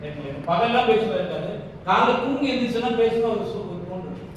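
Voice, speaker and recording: A woman's voice: a little high, lively intonation, fast talker, lo-fi sound, a little hiss or hum. A woman leading a public speaking workshop, explaining points and often checking that the room understands. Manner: explains, then checks understanding with frequent questions. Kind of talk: workshop lecture with demonstrations. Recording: echoey hall, distant mic, faint ambience.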